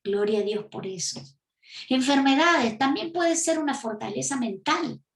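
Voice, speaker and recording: A woman's voice: sits high, animated, moderate pace, vocal fry. A woman with an Argentine accent preaching a teaching sermon, emphatic and full of rhetorical questions. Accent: Argentine Spanish. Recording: echoey room.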